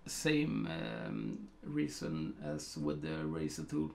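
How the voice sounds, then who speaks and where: With a bass voice whose pitch swoops wildly, this middle-aged Swede speaks slowly with vocal fry and a slightly mellow quality. He's in a casual screen-recorded tutorial on photo editing, working at his computer in a Swedish accent and thinking aloud with many ums and uhs.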